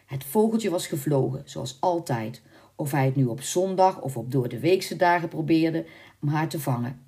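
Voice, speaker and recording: Brief: deep-toned female storyteller, measured and expressive. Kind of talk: storybook narration.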